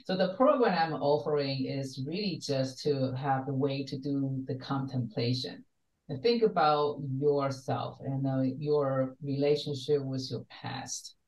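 A woman's voice: extremely low pitch, unhurried, darkish tone. An older woman from Taiwan, a wellness coach speaking earnestly as a guest on a video call from her home study. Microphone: video call webcam. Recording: roomy webcam sound from a distance.

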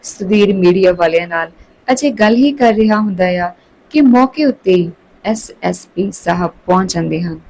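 Woman storyteller, Punjabi accent, calm narration, raised voices for dialogue. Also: lowish voice, normal speed, rough recording. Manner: switches between calm narration and raised voices for quarrelling characters.

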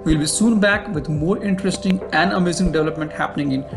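A man's voice: fairly high pitch, quick pace, gravelly. Man reading defense news. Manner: steady read-aloud delivery, lists of facts. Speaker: defense news channel host. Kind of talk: scripted news narration. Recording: faint music bed behind voice. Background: faint background music.

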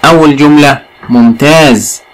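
A man's voice: on the high side, poor audio. Egyptian man teaching young kids. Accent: Egyptian Arabic. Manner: drills answers, praises often, spells words out slowly. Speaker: primary school teacher. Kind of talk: recorded lesson for young pupils.

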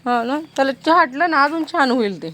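High-voiced woman cooing baby talk. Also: animated, brisk, fairly bright tone, slight background noise. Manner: soothing baby talk, imitating a dog's bark. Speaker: family vlogger and mother. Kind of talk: casual family vlog chat.

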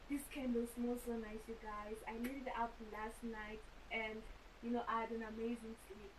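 A young woman vlogger giving an enthusiastic, chatty tour of her small rented room, often addressing viewers as "you guys.". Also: fairly high pitch. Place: small bedroom and kitchenette, indoors. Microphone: camera on tripod across the room. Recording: distant mic with clear hiss.

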